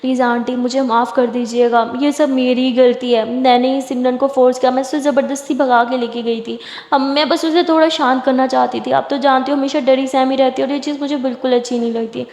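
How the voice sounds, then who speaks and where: Woman playing hot-headed biker girl, bossy and scolding, high voice, echoey room with long reverb. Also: level tone, brisk, a little mellow. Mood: pleading. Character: fierce hot-tempered young biker woman.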